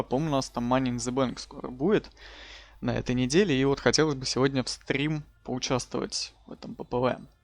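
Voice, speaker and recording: A man's voice: medium pitch, no room sound. A man giving casual, slangy live commentary as he hosts a gaming stream. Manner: informal, colloquial, slangy. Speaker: live streamer hosting a wrestling game stream.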